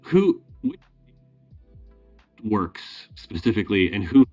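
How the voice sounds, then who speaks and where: A man giving casual instructions over a video call, halting and full of fillers, his audio glitching and cutting out. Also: fairly low pitch, big pitch swings, darkish tone, dull audio, soft background music. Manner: halting, repeats filler words. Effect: glitchy audio that keeps cutting out.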